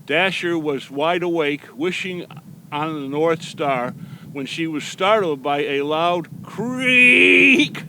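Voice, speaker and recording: Guy being santa, kindly old man doing storytime for little kids, slightly high voice, bit of background noise. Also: lively intonation, slow pace, bright, forceful tone, full character voice. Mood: storytelling. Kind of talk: read-aloud storytelling for young children.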